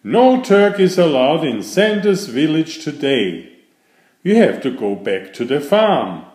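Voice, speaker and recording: A man's voice: fairly high pitch, big pitch swings, slow pace, reverberant. A man doing a bossy, scolding elf. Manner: sharp, scolding. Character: bossy little male Christmas elf guard.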